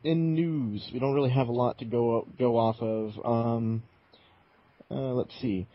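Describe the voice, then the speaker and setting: A man's voice: mid-range voice, steady tone, measured pace, no echo. A man co-hosting a casual podcast, laid-back and joking, reading out news items. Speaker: podcast co-host. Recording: muffled lo-fi recording.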